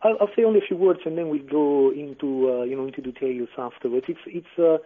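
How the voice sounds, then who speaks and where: A man's voice: on the high side, quick pace. A man, a clarinetist and composer, answering radio interview questions with many fillers and restarts. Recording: phone-line radio audio.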